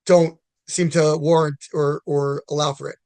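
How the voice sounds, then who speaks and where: A man hosting a podcast, asking conversational, halting interview questions. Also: on the high side, level tone, darkish tone, no room sound. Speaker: podcast host.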